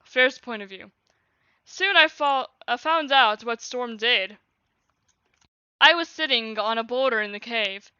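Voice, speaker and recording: A woman's voice: a little high, measured pace, pauses often, sharp tone, clean tone, no room sound, highs cut off. A young woman in her late teens, a streamer, reading her childhood journal aloud with laughing casual asides.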